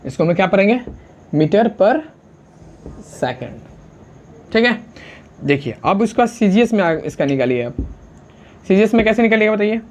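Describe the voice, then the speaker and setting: A man teaching a science lesson, constantly asking the class questions and answering them himself, urging students to write fast and mixing English unit names into his talk. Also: sits high, sing-song. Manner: urges students to write quickly, calls them friend.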